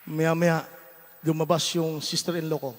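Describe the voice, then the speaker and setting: A man with a Filipino accent preaching a testimony sermon, moving from quiet storytelling to shouted praise. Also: on the high side, little pitch movement, moderate pace, a little hiss or hum. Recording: long hall reverb with faint music.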